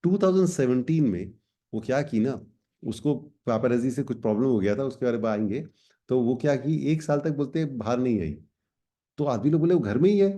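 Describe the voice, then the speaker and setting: A man's voice: mid-range voice, expressive, brisk, mellow. A man teaching a class of students in a chatty way, switching between Hindi and English phrases. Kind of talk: explanatory class talk.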